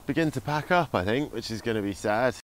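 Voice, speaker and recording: A bushcraft vlogger shoots his own footage outdoors among the trees in the rain, chatting animatedly and fairly quickly at a medium pitch. His casual commentary is upbeat and full of jokey asides.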